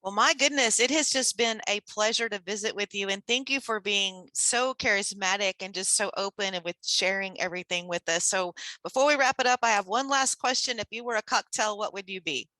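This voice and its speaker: A woman's voice: mid-range voice, brisk, few pauses, pushed and bright, no echo, low-quality recording. A woman hosting a podcast interview, offering short encouraging responses to her guest. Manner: brief encouraging backchannels. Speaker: podcast host. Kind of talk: casual interview chat.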